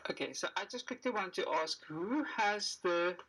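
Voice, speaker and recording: A woman's voice: medium pitch, expressive, normal speed, a bit bright, slightly rough. A woman acting as game master, narrating and questioning players casually in a tabletop roleplaying game.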